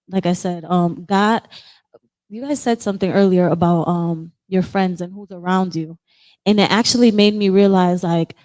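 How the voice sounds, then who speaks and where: A woman with a high, girlish voice, a poet at an open discussion, softly and emotionally shares a personal story and reads a poem, sounding apologetic. There's no room sound.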